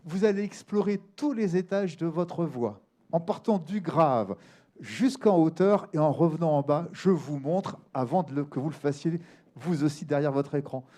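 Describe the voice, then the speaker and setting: A man's voice: on the high side, normal speed, warm tone. A man coaching an audience on the voice, talking freely and animatedly and demonstrating vocal exercises for people in the room and on screen. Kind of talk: live workshop talk.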